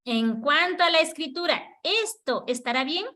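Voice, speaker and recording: Bright, lively-voiced woman teacher. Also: high-pitched, moderate pace. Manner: patient, repeats words for the class to echo. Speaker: Kichwa language teacher. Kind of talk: online class lesson. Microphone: video call.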